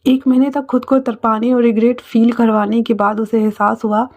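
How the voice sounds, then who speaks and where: A woman narrating a dramatic fan fiction story in an emotive, halting way. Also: fairly high pitch, flat delivery, a little mellow. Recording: dull lo-fi recording.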